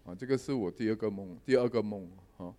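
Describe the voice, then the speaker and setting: A man giving a sermon testimony, telling his dreams in a lively storytelling manner with English words mixed in. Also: lowish voice, fast talker. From Malaysia. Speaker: lay preacher.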